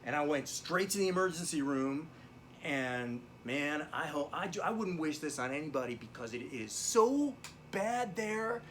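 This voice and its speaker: A down-on-his-luck middle-aged drum teacher, played by a man tells a meandering, foul-mouthed comic monologue. His voice sits slightly high for a man. It comes across like he's talking to a student on a video call, over a faint hum of room ambience. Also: animated, moderate pace, a bit bright. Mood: rambling. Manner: rambling, digressive, profane storytelling. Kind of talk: comedic character monologue. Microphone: video call lesson.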